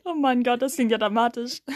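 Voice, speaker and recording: A young woman co-hosting a casual chat, relaxed, laughing along and acting out other voices when she tells a story. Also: on the high side, moderate pace. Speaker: podcast co-host.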